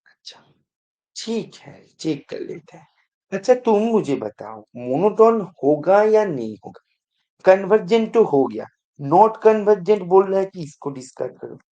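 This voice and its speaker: A man's voice: high-pitched, sing-song, unhurried, mellow, dull audio. A man teaching math in an exam-prep lecture, who keeps quizzing the students and repeating his prompts to pay attention.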